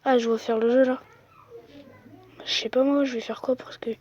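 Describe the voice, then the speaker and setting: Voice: sits high, level tone, moderate pace, a little mellow, highs cut off. A young speaker giving casual, slangy commentary while playing a quiz game on a phone, chatting to viewers. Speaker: gamer playing a quiz app. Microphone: phone microphone.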